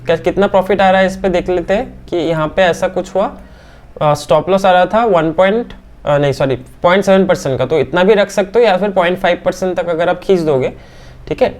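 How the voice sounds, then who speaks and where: A man's voice: sits high, a little mellow. Chatty man explaining trading charts. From India. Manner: keeps checking in with "theek hai?"; talks through hesitations with "aa" fillers. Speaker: stock market teacher. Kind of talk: explaining candlestick charts on screen.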